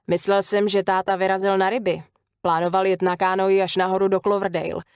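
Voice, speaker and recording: A fatherly old diner owner, as a woman reading an audiobook puts him on, gentle and concerned. He talks to the young woman like a worried uncle. The sound is close and dry. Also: medium pitch, level tone, smooth, dry recording, close to an everyday voice. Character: kindly older male diner owner, fatherly friend.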